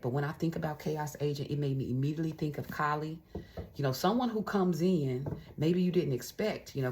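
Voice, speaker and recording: This tarot reader speaks low, with a darkish tone, offering a casual, encouraging reading to the camera amid a little hiss or hum. She chats freely, adding check-ins and fillers, and keeps a spiritual, pep-talk positivity.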